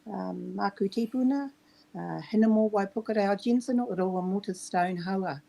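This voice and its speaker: Middle-aged New Zealand woman, guest; hesitant, soft-spoken, steady mid-range voice. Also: medium pitch, moderate pace, creaky, low-quality recording. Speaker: podcast guest. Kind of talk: casual interview talk.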